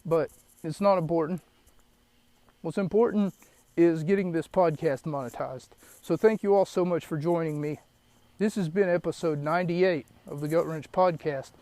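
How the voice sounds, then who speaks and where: A man's voice: a little high, moderate pace, mellow, dry recording. A young man hosting a solo podcast from his parked car, rambling and shaken, catching his breath between fillers. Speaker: podcast host. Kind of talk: solo podcast, wrestling recap. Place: parked car in an empty lot.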